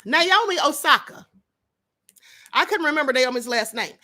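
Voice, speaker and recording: Here the middle-aged woman running her livestream sounds sharp, her high voice lively in intonation and moderate in pace. She tosses rhetorical questions at her audience while giving opinionated commentary to the chat.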